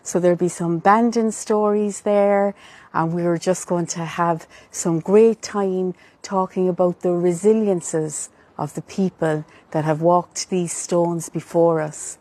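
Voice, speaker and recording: A woman's voice: on the low side, steady tone, slow pace, dark tone, no room sound. A woman with a Cork Irish accent speaking as a traditional storyteller, in a lilting, lyrical way, as she chats to promote her storytelling. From Ireland. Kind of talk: promotional chat in a storyteller's manner.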